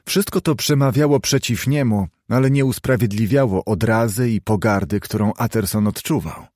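A man narrating a classic novel in an audiobook, reading at a measured, even pace. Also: fairly low pitch, dry recording, studio quality. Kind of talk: scripted literary narration.

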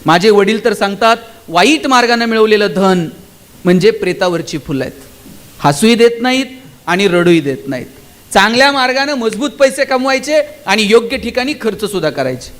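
A man's voice: sits high, animated, normal speed, fairly bright tone. A man giving a motivational speech to students and teachers, addressing the audience directly with rhetorical questions. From Maharashtra, India. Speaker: motivational speaker.

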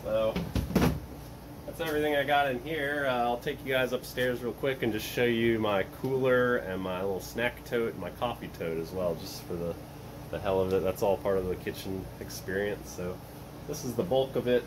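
A man in his thirties casually walking through his camping kitchen gear at home, chatty and relaxed with frequent fillers. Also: mid-range voice, normal speed, background noise. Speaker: vlogger showing camping gear. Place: cluttered home storage room and kitchen, indoors.

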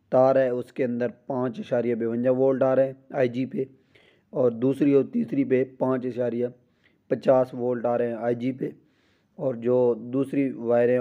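A man's voice: medium pitch, narrow, tinny audio. A man working as a car mechanic, walking through a repair step by step with small restarts, recorded on a phone in a garage. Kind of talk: hands-on repair tutorial.

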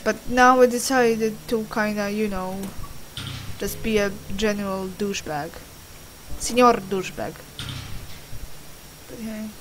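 A woman's voice: medium pitch, takes it slowly, long pauses, slight background noise, poor audio. A young woman doing casual gameplay commentary in a rambling, sweary, self-deprecating way. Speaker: gaming video host. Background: game music.

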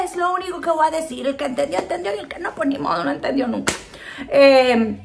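A Mexican woman answering viewer questions in a casual chat to camera, animated and laughing often. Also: a little high. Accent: Mexican Spanish. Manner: chatty and animated, acts out voices in quotes.

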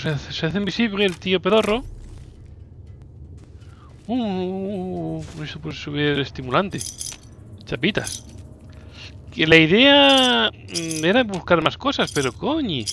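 A man from Spain, commentating a video game casually, teasing the enemy and breaking into excited shouts. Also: high voice, a little hiss or hum. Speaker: gameplay commentator. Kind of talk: casual let's-play commentary.

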